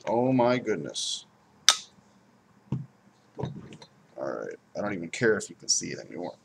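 In a room at home beside the window blinds, a young man rambles through a casual beer review on his desk webcam, repeating words for emphasis. His low voice swings widely in pitch, unhurried and creaky, and the recording is very noisy.

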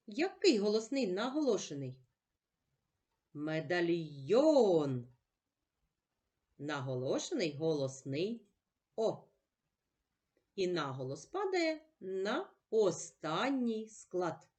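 Woman teacher for a children's reading lesson, slow and lilting, each word spelled out clearly. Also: mid-range voice, sing-song, a little mellow.

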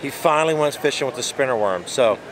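A man's voice: medium pitch, lively intonation, fast talker, crowd noise. A man in his forties, a pro angler vlogging casually, greeting fans in a busy hall and later talking in a hotel room, upbeat and fond of saying dude. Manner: friendly, upbeat, says dude and man a lot. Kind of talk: casual vlog chat. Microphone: handheld camera at arm's length. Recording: noisy hall ambience. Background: hall ambience.

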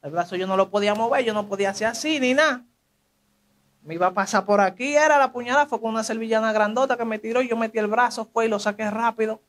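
A young man with a Dominican accent tells his life story in a casual testimony, talking fast in a high voice and animated street slang. As he goes, he acts out the voices of the people in his story.

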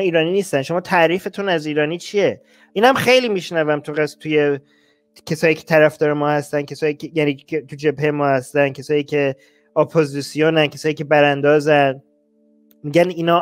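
A man hosting a reaction commentary on clips, blunt and exasperated, his voice rising as he gets heated. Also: a little high. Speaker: host.

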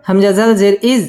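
A high-pitched man teaches Quran recitation at an unhurried pace, drilling each syllable before chanting the full verse melodically. Soft music plays faintly behind him.

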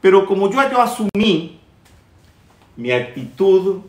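A man's voice: high voice, very animated, slow, darkish tone, reverberant. A man teaching a spiritual lecture in a trained, projected voice, scolding and teasing his listeners with humorous asides. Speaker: metaphysics teacher.

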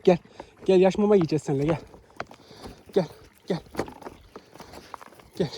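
A man's voice: sits high, unhurried, mellow, slight background noise. A man, feeding animals outdoors and talking to them and to his viewers in a casual, coaxing vlog. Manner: coaxing, repeatedly calling animals with a lilting voice. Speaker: animal feeder and vlogger.

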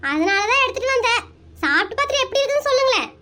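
A woman's voice: extremely high pitch, big pitch swings, rapid-fire, pushed and bright, exaggerated voice. A woman voicing Muppatha, a chatty, nosy village woman neighbor in a comic Tamil cartoon, coaxing and drawing out her words.

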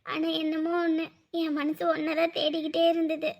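Woman playing a fussy mother figure, warm scolding, family drama, very high voice. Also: monotone, normal speed, muffled recording. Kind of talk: dubbed family serial drama.

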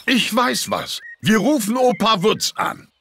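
A man voicing a cheerful, easygoing, overconfident daddy pig in a children's cartoon, with an animated, jovial manner. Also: high voice, unhurried, gravelly, noisy background, exaggerated voice. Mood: confident.

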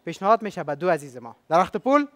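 High-voiced upbeat Afghan Dari game show host. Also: male voice, sing-song, over loud music. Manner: upbeat, chatty, coaxing contestants with questions. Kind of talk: lively game show hosting.

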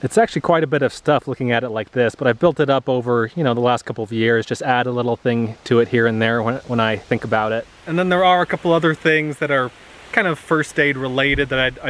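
A man in his thirties casually talking through the items he keeps in his car, with a relaxed, chatty delivery and frequent "uh" fillers, recorded outdoors in a grassy clearing. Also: mid-range voice, a little fast. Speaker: vlogger. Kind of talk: casual show-and-tell.

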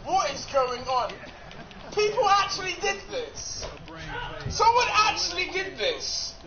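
Excitable high-voiced young man, echoey room. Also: slow. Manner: excitable, laughs often, swears, repeats himself. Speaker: YouTube vlogger. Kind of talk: casual reaction and product-test vlog. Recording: echoey lo-fi room recording from a distance with music.

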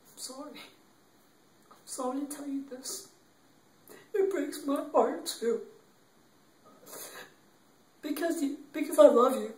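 An actor playing a young man who gently consoles his grieving girlfriend, speaking in a halting, tearful, repetitive way. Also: high-pitched, a little hiss or hum. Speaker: actor in an improv demo reel. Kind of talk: improvised dramatic monologue. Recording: roomy, distant from the mic.

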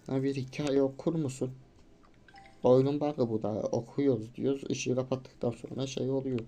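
Male let's-play commentator with a warm, mid-pitched voice; casual, reads dialogue plainly, gets loud when things get hard. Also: normal speed. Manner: gets loud and excited during tricky moments, casual swearing. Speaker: gamer. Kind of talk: let's play commentary, reading game text aloud.

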